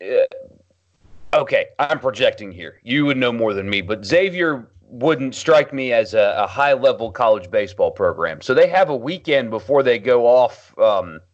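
A man talks in a relaxed, chatty way, telling stories with plenty of fillers. His middle-pitched voice comes through a slightly dull, lo-fi line. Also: unhurried. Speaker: radio show host, podcast co-host. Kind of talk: casual chat. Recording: dull lo-fi sound.

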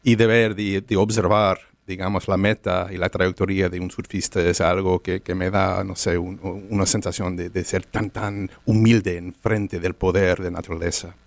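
A man's voice: sits low, flat delivery, normal speed, creaky, hardly any pauses, no room sound. A man who is an immigration lawyer, speaking as a guest on an interview show in a reflective way and searching for his words. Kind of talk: interview conversation.

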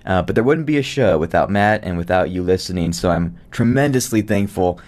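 A man's voice: deep voice, expressive, a little fast, darkish tone. A man hosting a live radio talk show from a studio, chatting in a friendly, conversational way with the odd filler word. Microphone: studio microphone.

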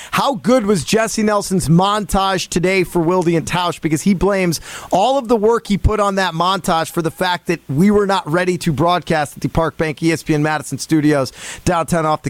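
Hombre de voz aguda, conductor de radio deportiva. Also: male voice, a little high, no room sound. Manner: quick, opinionated, teasing. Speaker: sports radio co-host. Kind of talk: sports talk radio. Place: radio studio.

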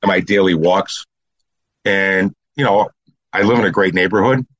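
A man's voice: low-pitched, moderate pace, a bit bright, no room sound, dull audio. An older man with a Chicago accent, a retired cop telling plain, matter-of-fact stories as a talk show guest. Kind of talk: casual chat.

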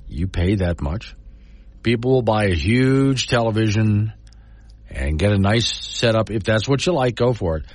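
A man's voice: on the low side, darkish tone, dry recording. A man hosting a talk radio show, chatting casually and reading out listener messages. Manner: conversational, reads listener messages aloud. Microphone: studio mic.

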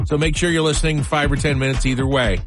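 A man's voice: a little high, steady tone, fast. An American man hosting morning radio, announcing prizes and bits in a punchy, promotional DJ delivery. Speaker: radio morning show host. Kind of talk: radio DJ contest announcing and banter. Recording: music bed under voice. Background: music.

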